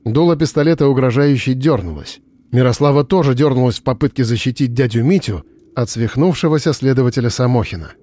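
A man reading an audiobook narration in a steady, even storytelling voice. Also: mid-range voice, fast talker, dry recording. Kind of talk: scripted narration.

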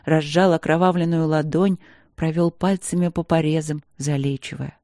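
A woman reads a novel aloud in a measured, even way. Her voice sits somewhat low and mellow. The recording is close and dry. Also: no room sound. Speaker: audiobook narrator. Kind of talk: scripted narration.

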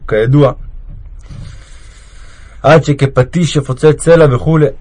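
A man at an ordinary mid-range pitch reads a devotional text aloud. He keeps an even, measured pace of recitation and sometimes restarts a phrase. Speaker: reader of religious texts.

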